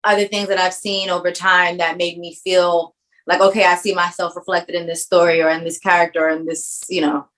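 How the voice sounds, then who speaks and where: Earnest low-voiced woman filmmaker. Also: little pitch movement, fairly quick, fairly bright tone, rough recording. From Caribbean background, grew up in New York. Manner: reflective, earnest, with fillers. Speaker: filmmaker guest. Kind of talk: interview answers.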